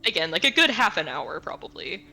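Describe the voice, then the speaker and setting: A woman's voice: on the low side, sing-song, fairly quick, vocal fry, sharp tone, faint music behind. A woman playing a tabletop role-playing game, casually narrating her character in a giggly, hesitant way, thinking aloud.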